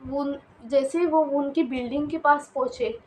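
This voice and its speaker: A woman's voice: sits high, normal speed, noisy background. A woman casually telling a horror story, hesitant and full of fillers and restarts.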